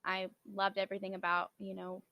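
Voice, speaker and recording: A young woman, a former cheerleader, answering questions in a relaxed and reflective way on a podcast. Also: mid-range voice, a little fast, gravelly, no room sound, lo-fi sound. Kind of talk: casual podcast interview.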